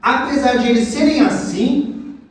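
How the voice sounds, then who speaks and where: A Brazilian pastor with a fairly high voice preaches in a chatty, emphatic manner, firing rhetorical questions at his congregation. His voice booms through a very reverberant church hall, picked up from a distance. Faint background noise sits beneath. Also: unhurried. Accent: Brazilian Portuguese. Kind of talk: expository sermon.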